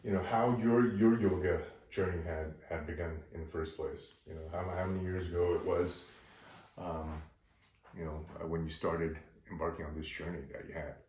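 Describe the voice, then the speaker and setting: A man from Taiwan hosting a relaxed tea session, explaining things in an unhurried, halting way. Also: low voice. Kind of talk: casual hosted chat. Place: room in Hong Kong. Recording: very echoey, distant mic, faint noise.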